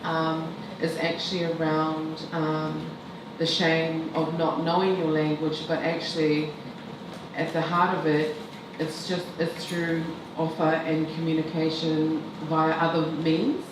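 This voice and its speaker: The same kind of panel answer comes from a filmmaker of Tongan heritage, her mid-range voice monotone and slow as she reflects loosely and laughs mid-sentence. She's in an event hall, captured by a distant mic amid echo and noise.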